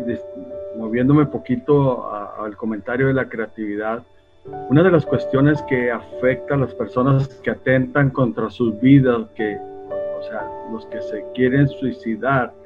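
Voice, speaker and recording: A man, a guest commentator on a talk show, explaining his points thoughtfully with many hesitations. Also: mid-range voice. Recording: phone-like line.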